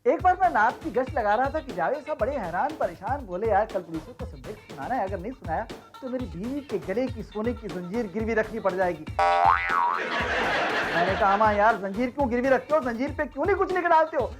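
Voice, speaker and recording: A man's voice: high-pitched, expressive, brisk, over music. An actor playing a boastful, fawning speechwriter who spins tall tales and keeps addressing his boss with deference, in a TV comedy series. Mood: sly. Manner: boastful tall-tale telling, fawning "huzoor". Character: boastful scheming speechwriter, storyteller.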